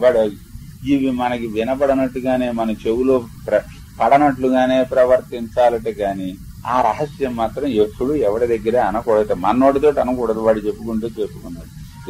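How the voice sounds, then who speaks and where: Older Telugu teacher chanting slowly. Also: male voice, medium pitch, warm tone, a little hiss or hum, rough recording. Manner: slow melodic chanting of verses; explanatory storytelling lecture. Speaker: spiritual teacher. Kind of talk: chanted verses then discourse.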